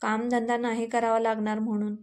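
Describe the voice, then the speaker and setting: A woman voicing a spoiled, sharp-tongued young wife in a storybook reading, snappy and complaining. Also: fairly high pitch, flat delivery, a little fast, close to an everyday voice. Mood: sulky.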